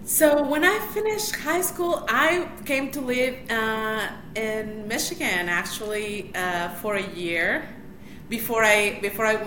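Guesting in a casual interview, a matchmaker from Mexico City talks slowly with a Mexican Spanish accent, her fairly high voice a bit bright. She laughs frequently and restarts her sentences. The room sounds echoey, with faint background noise.

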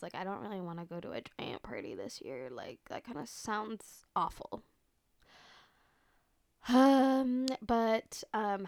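A woman's voice: medium pitch, no echo. A young adult woman hosting a casual solo podcast, talking in a slangy, profane, filler-heavy way with dramatic emphasis. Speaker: podcast host. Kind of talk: casual solo chatty monologue.

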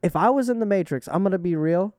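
A man hosting a podcast, talking in a rambling, casual way and dropping laughs and swear words as he goes. His voice sits a little high for a man but has a mellow, dark tone, and the recording is close and dry. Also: animated, fast talker, no room sound. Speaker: podcast host. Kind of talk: casual chat.

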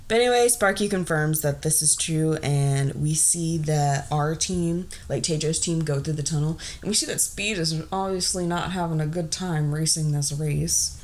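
A woman co-hosts a casual podcast, recapping a film with plenty of laughter and animated acting-out of characters' lines. Her voice sits low, and she talks at a normal speed with hardly any pauses.

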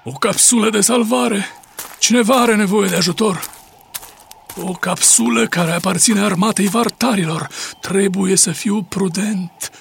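A man's voice: high-pitched, vocal fry. A man voicing a wise, kind male inventor hero who speaks steadily and patiently in a dubbed cartoon. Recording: hiss under the voice.

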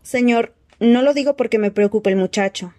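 A woman voicing a nervous, fawning male servant who stammers and rises to a squeaky, panicked pitch. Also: moderate pace, warm tone, no room sound, lightly acted. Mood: panicky.

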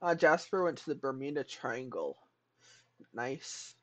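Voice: medium pitch, expressive, measured pace, a bit bright. A podcast co-host chatting casually and playfully, with joking asides, on an online voice call.

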